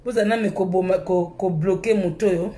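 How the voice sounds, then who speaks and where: A woman's voice: lowish voice, steady tone, normal speed, dark tone, slight background noise. A woman from Congo with a Congolese French accent, hosting her live stream in a heated, scolding rant full of insults. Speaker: livestream host. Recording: echoey room.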